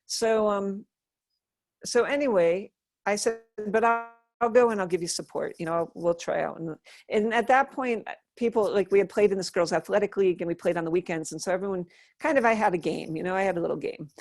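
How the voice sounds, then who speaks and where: A woman's voice: medium pitch, brisk, a little mellow, dry recording, clean studio sound. A middle-aged woman from Western Massachusetts, chatting and laughing as she tells stories in an interview. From Western Massachusetts, USA. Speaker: interview guest. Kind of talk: casual storytelling.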